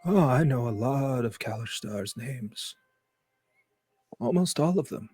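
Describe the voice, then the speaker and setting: A man voicing a calm, cryptic old wandering mystic with a raspy, aged voice and a musing manner in a tabletop game. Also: medium pitch, soft background music. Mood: sly, knowing. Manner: slow, musing, unhurried. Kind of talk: tabletop game role-play.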